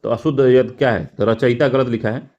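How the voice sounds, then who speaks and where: A man's voice: mid-range voice, steady tone, a little fast, a little mellow. Man explaining test answers, muffled audio. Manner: repeats words, self-corrects, frequent "theek hai" fillers. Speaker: exam prep teacher.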